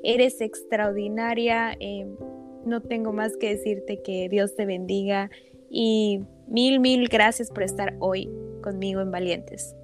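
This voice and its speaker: A woman hosting an interview podcast, asking questions in a gentle, encouraging way. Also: medium pitch, fairly even intonation, slow pace. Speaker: podcast host. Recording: clear music bed behind the voice.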